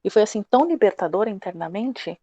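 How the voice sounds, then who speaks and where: Middle-aged Brazilian woman, direct and animated, mellow voice, dry close sound. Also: medium pitch, brisk, husky, dry recording, dull audio. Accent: Brazilian Portuguese. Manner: direct, animated, acts out quoted dialogue. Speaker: class participant. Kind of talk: personal sharing in a live session.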